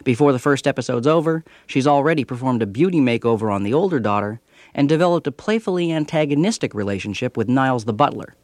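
A man's voice: medium pitch, expressive, fast talker, dry recording. An American man reading a scripted radio review as a TV critic, with a wry manner.

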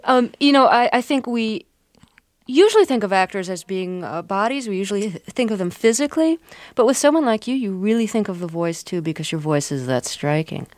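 Female interviewer, mid-pitched, conversational, feels her way haltingly into questions. Dry recording. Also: animated, a little mellow, dry recording. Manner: halting, repeats words while forming questions.

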